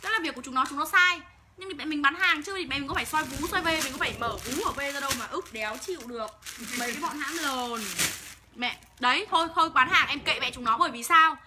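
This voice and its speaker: Fast, high, sharp-voiced woman selling on livestream. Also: noisy background. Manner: profane angry ranting; rapid sales patter calling out buyers' names. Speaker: livestream clothing seller. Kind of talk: livestream selling, ranting at viewers.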